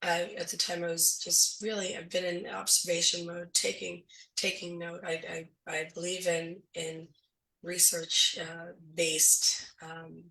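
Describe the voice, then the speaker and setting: A woman with a lowish, gravelly voice that is going hoarse, talking through her points in a casual, explanatory way. Her tone is bright, and she sounds a little distant from the mic. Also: monotone, measured pace. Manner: thoughtful, explanatory, many fillers. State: losing her voice. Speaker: school board candidate. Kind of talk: casual discussion.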